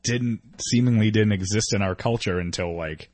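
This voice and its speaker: Low-ish voice guy, halting, lots of um and like, dry close sound. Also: darkish tone, no room sound. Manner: hesitant, halting, trails off. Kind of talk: casual podcast chat.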